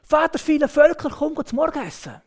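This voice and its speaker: A woman voicing an eager wife who calls out loudly to her husband. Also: sits high, sing-song, fairly quick, voice pushed up. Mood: calling. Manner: loud, bright calling out.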